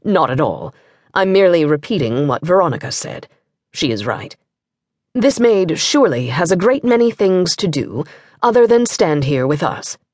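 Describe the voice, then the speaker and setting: A woman voicing a commanding young gentleman who speaks directly and with a quiet, cool menace. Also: on the low side, sing-song, normal speed, no echo, studio quality, voice pushed down.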